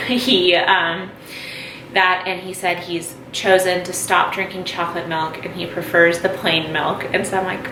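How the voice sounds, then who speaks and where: A woman's voice: on the low side, noisy background. A young pregnant woman chatting casually and upbeat as a vlogger at home, with lots of fillers and asides. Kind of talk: casual haul vlog chat.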